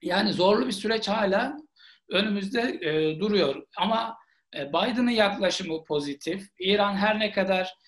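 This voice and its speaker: A man's voice: sits high, moderate pace, a bit bright. A man in his forties lecturing and answering questions in an online seminar, on a video call from a small room. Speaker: seminar lecturer, Gulf studies expert. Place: small plain room indoors. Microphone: video call, earphone headset.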